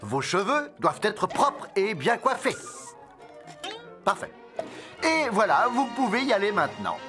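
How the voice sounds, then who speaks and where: High-pitched prim instructor. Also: male voice, sing-song, measured pace, pushed and bright, soft background music, full character voice. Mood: prim instruction. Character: prim, instructive male training-film narrator. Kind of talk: instructional narration in a cartoon.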